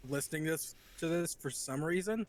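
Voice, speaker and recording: A man co-hosting a casual podcast chat, cutting in with quick questions. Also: a little high, slight background noise. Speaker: podcast co-host.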